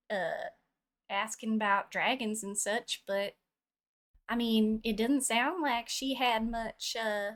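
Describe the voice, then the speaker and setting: A woman's voice: a little high, fairly bright tone. A woman playing a tabletop game, chatting casually in character.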